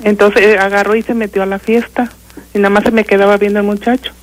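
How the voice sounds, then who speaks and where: Older mexican lady calling a radio show, flat monotone voice, lots of "este" and restarts. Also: medium pitch, rough recording. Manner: halting, full of fillers and restarts. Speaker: caller. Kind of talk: telling a ghost story on a radio call-in.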